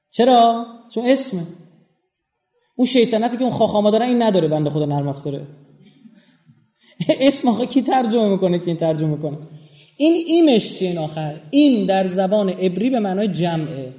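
A man with a high, mellow voice delivers an emphatic religious lecture, spelling out words letter by letter. The recording is dull and lo-fi, with a roomy echo around him. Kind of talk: religious lecture with scripture readings.

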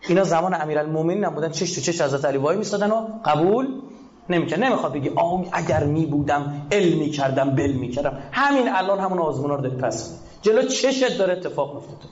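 A man from Iran preaching a religious sermon, swinging between shouted peaks and hushed lows. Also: animated. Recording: echoey, slightly dull recording.

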